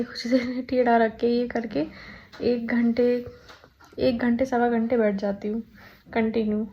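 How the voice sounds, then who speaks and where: A woman's voice: on the high side, creaky, mellow, lo-fi sound. A young woman chatting casually at home in a vlog, rambling and correcting herself as she talks. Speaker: vlogger. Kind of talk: casual pregnancy vlog chat.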